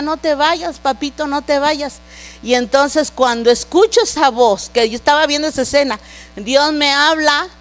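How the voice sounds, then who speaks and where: A middle-aged woman preacher with a high voice delivers an emotional testimony from the pulpit, talking directly to her congregation and building to fervent intensity. A low mains hum runs faintly beneath her voice. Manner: emotional, grows louder and more intense. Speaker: pastor and prophet. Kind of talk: sermon. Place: church.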